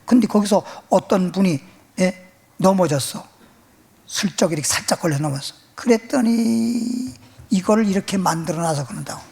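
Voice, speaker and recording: A man preaching a sermon in a church, his voice sitting notably high. He talks in a folksy, animated way, tossing rhetorical questions at the congregation. The delivery is plain and conversational. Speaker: pastor. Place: church sanctuary.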